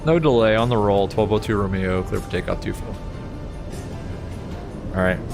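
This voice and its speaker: A man doing a headset pilot: low, gravelly, brisk cockpit callouts. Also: over music. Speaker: sim pilot streaming his flight. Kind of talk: live flight-sim stream with radio calls. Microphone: pilot headset mic in a cockpit seat.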